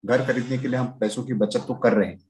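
A man reading the lines of a hopeful mother in a storybook, gentle and wistful. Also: mid-range voice, steady tone, quick pace, slight background noise, lightly acted. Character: hopeful mother dreaming of an old house.

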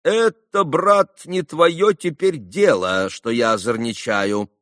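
A man's voice: on the high side, slow pace, a bit bright, no room sound, clean studio sound, pitched above the performer's own voice. A man voicing a cocky, clever schoolboy who teases and questions people sternly, in a storybook reading.

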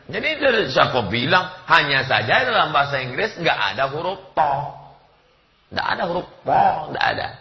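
A man's voice: a little high, normal speed, gravelly, echoey room. A man preaching a humorous sermon, acting out dialogue and pronunciation for his listeners. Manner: animated, mimics dialogue and pronunciation. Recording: dull lo-fi recording.

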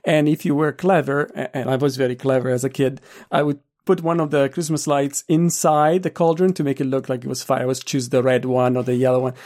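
Wry man with a mid-pitched voice. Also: little pitch movement, brisk, few pauses, a little mellow. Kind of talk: casual anecdotal chat.

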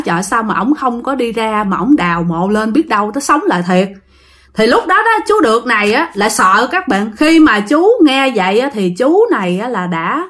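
A Southern Vietnamese woman tells a ghost story in a relaxed, chatty manner. Her voice sits somewhat high, and she keeps calling out to her listeners as she goes. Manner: animated, addresses listeners directly. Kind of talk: casual spoken ghost story.

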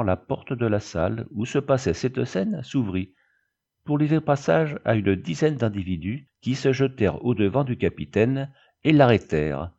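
A man reading a novel aloud in a measured, even narration. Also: fairly low pitch, vocal fry. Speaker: audiobook reader. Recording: dull lo-fi recording.

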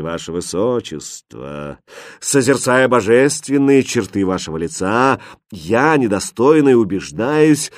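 A man voicing a ceremonious young prince in a storybook reading, speaking slowly in a chanting tone. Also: mid-range voice, dry recording, clean studio sound.

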